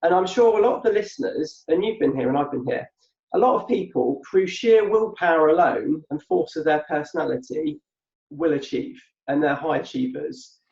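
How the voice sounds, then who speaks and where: With a fairly high, creaky and slightly mellow voice at normal speed, an adult man who had a past business co-hosts a podcast. He explains thoughtfully in a reflective, conversational manner, repeating words while thinking aloud. It's recorded in a muffled, echoey room.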